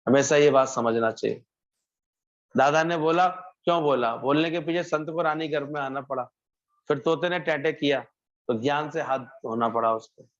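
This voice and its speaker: A satsang preacher gives a devotional sermon, telling a parable, acting out the characters' lines and repeating phrases for emphasis. His voice is fairly high and his pace moderate, in a muffled, lo-fi recording.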